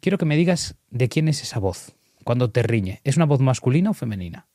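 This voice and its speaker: A man's voice: medium pitch, sing-song, a little fast, warm tone, no echo, studio quality. A man, explaining ideas and guiding an exercise in earnest, emphatic conversation.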